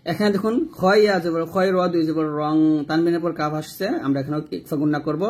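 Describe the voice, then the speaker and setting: A man teaching Quran reading step by step, spelling out letters and vowel marks and then reciting them slowly and drawn out. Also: a little high, breathy edge.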